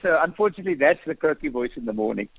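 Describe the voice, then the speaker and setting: A man with a croaky morning voice, chatting easygoing as a motoring guest on a radio interview, full of fillers. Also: on the high side, expressive, very fast, muffled recording. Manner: easygoing, rambling, frequent fillers. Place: at home on a couch.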